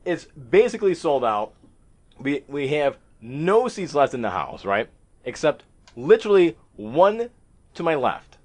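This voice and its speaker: A man's voice: on the high side, very animated, unhurried, darkish tone. A man hosting a podcast, telling a story among friends in a casual, profane, self-mocking way.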